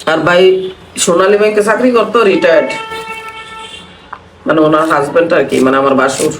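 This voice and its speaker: A woman's voice: deep voice, normal speed. A woman, chatting while cooking and reminiscing in a repetitive, mournful way. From Bangladesh. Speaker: vlogger. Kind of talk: casual chat while cooking. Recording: roomy, from a distance, faint noise.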